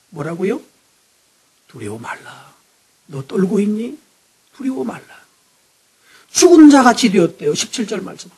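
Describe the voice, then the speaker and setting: Husky high-voiced male pastor preaching. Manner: asks the congregation frequent rhetorical questions; animated, swinging between loud emphasis and hushed asides. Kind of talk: sermon.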